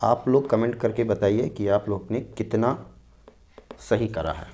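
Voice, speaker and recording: A man with a slightly low voice teaching an exam-prep Hindi spelling lesson. He repeats each word patiently and walks through it step by step. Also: a little mellow. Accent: North Indian Hindi. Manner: explains slowly, repeating each word and saying "dekhiye" and "theek hai".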